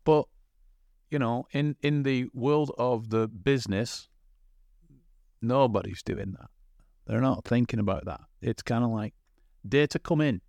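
A man's voice: medium pitch, unhurried, creaky, darkish tone, no echo. Rambling, stop-start English man on a podcast. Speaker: podcast guest, former co-host. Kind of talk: casual chat.

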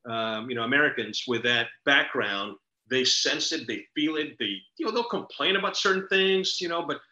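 A middle-aged man from El Salvador hosts a casual talk, bright and forceful in tone. He tells stories earnestly and at length. The recording is roomy and a bit dull and lo-fi. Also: medium pitch, expressive, normal speed. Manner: earnest, expansive storytelling. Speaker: podcast host. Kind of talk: casual conversation.

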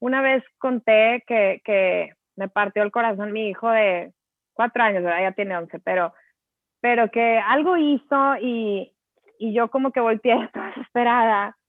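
A woman's voice: on the high side, measured pace, no echo. A woman with a Mexican Spanish accent, chatting casually as a co-host and telling stories with lots of fillers. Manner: chatty, many fillers, animated storytelling. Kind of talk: casual conversation. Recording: tinny phone-like dry sound.

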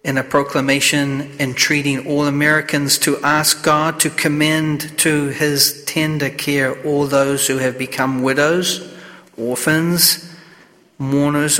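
A man with a bright, forceful voice reads scripture and preaches in a measured, solemn way. Each phrase trails off into the long cathedral echo of a large church. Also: mid-range voice, little pitch movement. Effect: cathedral echo, long church reverb. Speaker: clergyman. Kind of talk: Gospel reading and homily at Mass.

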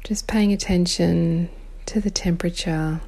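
A woman leads a guided meditation in a calm, meditative tone. Her low voice is mellow and gravelly, soft and breathy at the edges. She leaves long, unhurried pauses between short phrases.

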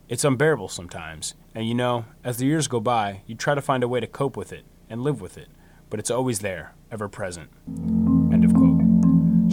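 A man hosting a true crime podcast, reading a scripted story in a solemn, measured way, with phrases that trail downward. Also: fairly low pitch. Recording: music behind the voice. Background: music bed.

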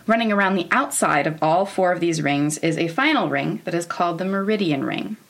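A woman's voice: fairly low pitch, lively intonation, fairly quick, vocal fry. An American woman in her thirties, from Oregon, narrating an educational show in an informal, wry, candid way. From Oregon, United States. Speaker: podcast host. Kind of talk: semi-scripted educational narration about space history.

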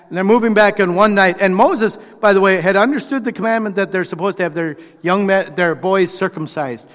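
A man's voice: high-pitched, fairly bright tone, big-room sound. A male pastor delivering a conversational sermon, acting out the quotes with restarts.

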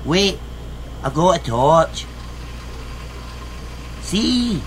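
An actor playing a naive, literal-minded and earnest toilet cleaner in an audio comedy. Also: male voice, on the high side, very animated, very slow, slight background noise, heavily acted, rough recording. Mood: excited, naive.

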